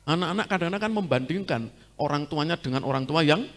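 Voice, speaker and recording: Middle-aged male pastor, Javanese accent, lively and teasing from the pulpit, slightly high voice. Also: fast. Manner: lively preaching, teasing and asking the congregation. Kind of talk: sermon.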